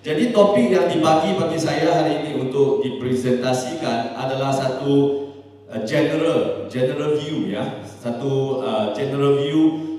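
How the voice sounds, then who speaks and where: A man's voice: mid-range voice, darkish tone. A man from Malaysia with a Malaysian accent, presenting at a seminar, mixing Malay, Indonesian and English and tagging sentences with "ya". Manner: mixes Malay, Indonesian and English, frequent "ya" tags. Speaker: seminar speaker. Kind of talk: conference presentation. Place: large hall. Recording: echoey hall from far off.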